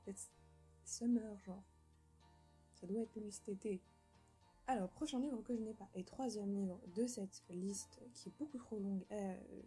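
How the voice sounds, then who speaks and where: Poor audio captures a young woman, a book vlogger, in casual chat about books she means to read. Her voice is mid-range and mellow, and she rambles, teases herself, and often uses fillers and restarts.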